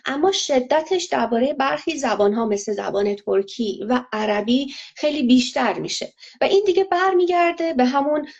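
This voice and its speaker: Woman guest, gravelly kinda high voice, slow careful answers full of uhs, dull lo-fi sound. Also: darkish tone. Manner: measured, hesitant, many filler pauses. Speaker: interview guest. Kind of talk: analytical interview answers. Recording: lo-fi muffled audio.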